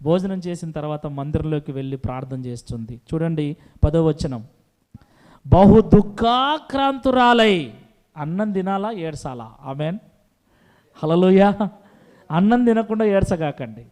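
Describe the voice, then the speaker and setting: A male preacher with a high voice, delivering an emphatic sermon. He asks rhetorical questions and repeats phrases for weight. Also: expressive, moderate pace, mellow.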